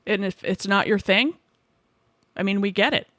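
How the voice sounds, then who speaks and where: A woman in her forties from the Boston suburbs trades teasing, quick quips as co-host of a comedy podcast. Her pitch sits in a middle range. The sound is close and dry. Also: fairly bright tone, no room sound. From Boston suburbs, USA. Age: 40s. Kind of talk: sarcastic comedic chat.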